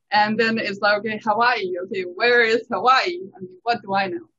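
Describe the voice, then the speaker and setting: A woman talks through her story as an interview guest, laughing often. Her voice is a bit husky and breathy, and the recording sounds muffled and lo-fi. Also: mid-range voice, unhurried, bright, forceful tone. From Denmark. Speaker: tax accountant guest. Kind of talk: casual interview chat. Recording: dull lo-fi recording.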